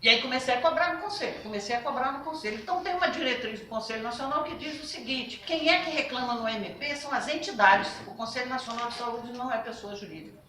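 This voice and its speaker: A woman's voice: fairly high pitch, fast, few pauses, slight background noise. Emphatic woman speaking in a roomy hall. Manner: emphatic, with rhetorical questions and tag "tá?"; speaks loudly and forcefully. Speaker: national health council member. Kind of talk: workshop talk to council members. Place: workshop meeting room. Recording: roomy, from a distance.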